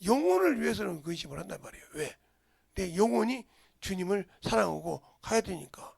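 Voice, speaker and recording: An older man preaching a sermon, emphatic, firing rhetorical questions and swinging between loud outbursts and murmurs. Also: sits high, very animated, brisk, creaky, slightly rough, no echo, studio quality. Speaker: pastor.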